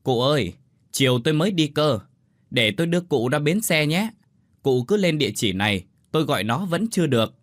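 A man voicing a loud, bossy elderly village woman who shouts and fusses at her deaf neighbor in an audio story. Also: a little high, expressive, fairly quick, no room sound, studio quality, voice pushed up, natural voice. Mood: fussing. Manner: shouting, urgent, scolding.

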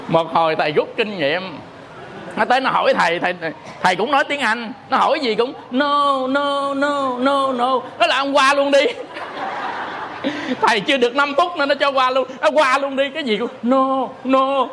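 A man's voice: high voice, fairly bright tone. A man gives a humorous Buddhist dharma talk. He tells stories in a loose, chatty way, stumbling over repeated words and checking in with his listeners. A faint hiss sits under the recording. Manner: chatty storytelling, repeats words, asks "hiểu không?".

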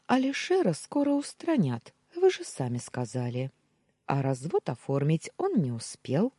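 A woman voicing a greedy, scheming young woman with a pushy, sharp-tongued manner, reading an audiobook. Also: deep voice, wildly swooping pitch, a little slow, no echo, heavily acted.

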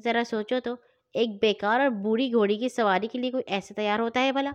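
A woman's voice: a little high, fairly even intonation, highs cut off, natural voice. A woman voicing a blunt, sporty young girl who mutters and then panics in a storybook. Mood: scornful. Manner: muttering, then crying out in alarm.

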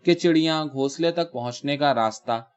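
A man's voice: on the high side, clean tone, dull audio. Man reading a literary short story. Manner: measured, dramatic storytelling. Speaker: story reader.

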